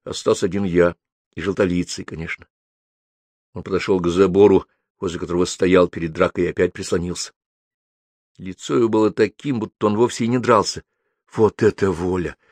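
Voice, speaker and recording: A man with a low voice reads a first-person story in a measured, expressive way. The recording is close and completely dry, with no room sound. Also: no room sound. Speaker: audiobook narrator.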